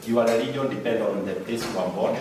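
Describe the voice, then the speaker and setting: A man's voice: on the low side, fast, noisy background. A Kenyan man, a former assistant pastor, earnestly telling his story in plain words as an interviewee. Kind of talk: casual interview answer. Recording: very echoey room, far mic.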